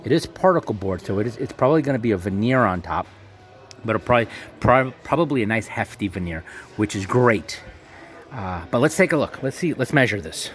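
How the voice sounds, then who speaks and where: A man vlogging casually from inside a resale store, excitable and chatty, talking to his viewers as folks. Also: fairly low pitch, brisk. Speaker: vlogger touring a thrift store. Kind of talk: casual vlog narration.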